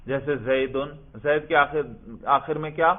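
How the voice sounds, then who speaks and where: A man's voice: on the high side, fairly even intonation. A man teaching a classroom grammar lesson who asks questions and answers them himself, and recites text in a chanting tone. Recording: tinny phone-like lecture recording.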